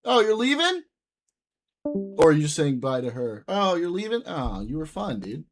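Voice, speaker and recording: Over soft background music, a young man hosting a stream sounds very animated in a slightly high voice at normal speed. Reading chat, he jokes loosely with viewers and swears often.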